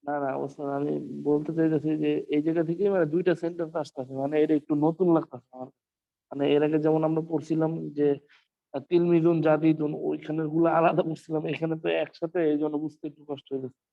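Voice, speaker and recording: A man's voice: fairly high pitch, level tone, fast, dry recording. Hesitant young-sounding man on tinny line. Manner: hesitant, uses many fillers. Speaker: student. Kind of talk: asking questions in an online class. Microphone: video call. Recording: tinny phone-like call line.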